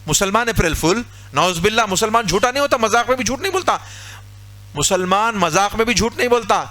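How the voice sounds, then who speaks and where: Man, preacher, high voice, lively conversational sermon. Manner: lively, conversational, acts out everyday scenes. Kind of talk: Urdu sermon. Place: mosque.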